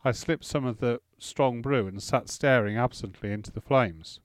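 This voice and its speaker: A man reading a first-person story as audiobook narration, in a steady storytelling manner. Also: medium pitch, normal speed, dry recording.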